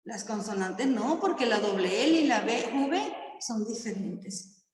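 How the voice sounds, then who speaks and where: In an echoey classroom with a long, trailing reverb, a woman with a rather high, animated voice teaches primary schoolchildren a lesson on poetry. She explains slowly, patiently and deliberately, pausing often to ask the children short checking questions.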